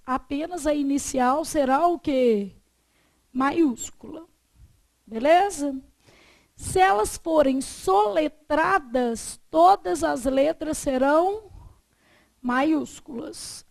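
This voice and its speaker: High-voiced teacher woman quizzing her class. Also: creaky. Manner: leaves sentences open with "o quê?" for the class to finish; frank and joking, checks in often with "beleza?". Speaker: Portuguese teacher. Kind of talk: classroom grammar lecture.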